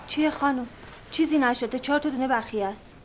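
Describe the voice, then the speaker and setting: An actress playing an impatient hospital nurse who keeps sending people out. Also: female voice, high-pitched, slight background noise, natural voice. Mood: curt. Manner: impatient, dismissive. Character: curt hospital nurse, woman.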